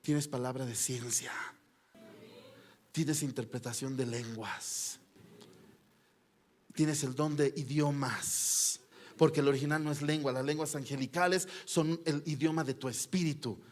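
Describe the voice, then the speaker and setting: A man preaching a sermon with passion. His delivery swings between loud climbs and hushed drops, and he keeps asking his listeners rhetorical questions. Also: medium pitch, steady tone, a little slow, pauses often.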